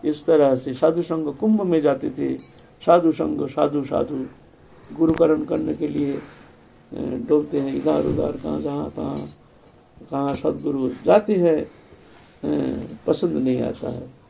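An older man giving a devotional spiritual discourse, telling his life story in a reflective way with repeated phrases and soft trailing fillers. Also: a little high, steady tone, slow, creaky, slight background noise. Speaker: spiritual speaker.

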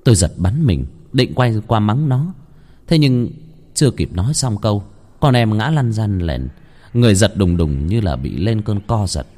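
Male storyteller, ghost story, suspenseful, lively pitch, dark tone. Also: moderate pace. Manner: dramatic, suspenseful. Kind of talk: scripted narration of a ghost story.

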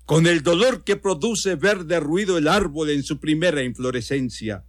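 A man's voice: fairly high pitch, moderate pace, no echo, studio quality, lightly acted. A man with a Mexican accent voicing a pompous male governor who speaks in florid, solemn oratory for a radio story reading. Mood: solemn, grandiose. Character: pompous, grandiloquent male state governor making a speech.

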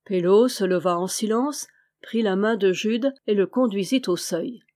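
A woman narrating an adventure novel as an audiobook, steady and clear. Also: medium pitch, measured pace. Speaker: audiobook reader. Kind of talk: scripted narration.

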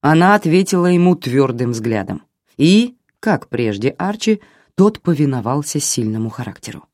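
Expressive novel narrator with an animated delivery and a dry, close sound. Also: medium pitch, moderate pace, no room sound. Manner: expressive, dramatic reading. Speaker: audiobook narrator.

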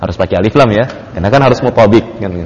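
A man's voice: lowish voice, rapid-fire, heavy background noise. Male teacher explaining grammar in a reverberant hall. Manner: explains patiently, many fillers, laughs easily. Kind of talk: informal study-circle lesson. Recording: dull lo-fi audio with long reverb.

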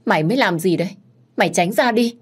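A woman voicing a pushy young daughter who shouts and scolds. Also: mid-range voice, normal speed, voice pushed up, lightly acted. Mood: angry shouting.

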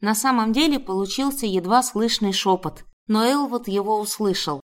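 A woman's voice: mid-range voice, normal speed. A woman reading a first-person fantasy novel aloud in a dramatic storytelling style. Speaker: audiobook narrator. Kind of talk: first-person audiobook narration.

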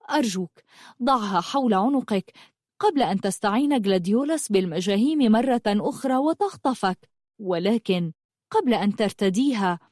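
A woman voicing a caring young woman who gently insists. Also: on the high side, no room sound, clean studio sound.

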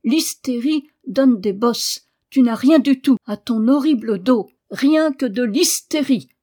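A woman reading an audiobook voices a fierce, bossy little girl who shouts and insists, repeating her words. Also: high-pitched, moderate pace, pitched above the performer's own voice, lightly acted. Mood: commanding.

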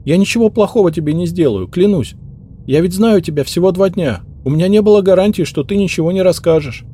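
A man voicing a frightened young female maid who pleads and makes excuses in a rushed, tearful way. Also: sits high, lively intonation, warm tone, slight background noise, voice pushed up. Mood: pleading.

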